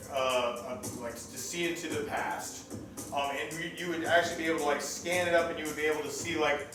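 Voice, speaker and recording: A man acting as game master, improvising scene descriptions conversationally in a hesitant, piecemeal way. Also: fairly high pitch. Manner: hesitant, piecemeal descriptions with many hedging words. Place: roomy indoor game gathering. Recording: echoey room, distant mic, background sound.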